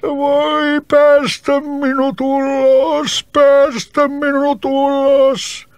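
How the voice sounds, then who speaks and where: A man voicing a huge, scheming male spirit trapped in a bottle, calling out in slow, drawn-out phrases in a storybook reading. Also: fairly bright tone, reverberant, big-room sound. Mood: begging. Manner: slow, drawn-out, booming calls.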